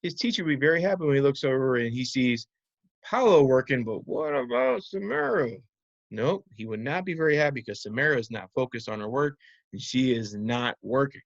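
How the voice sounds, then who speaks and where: A man's voice: mid-range voice, lively intonation, a little fast, no room sound. Man teaching young children, slightly muffled audio. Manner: instructive, simple phrases with check-in questions. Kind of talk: simple interactive children's lesson.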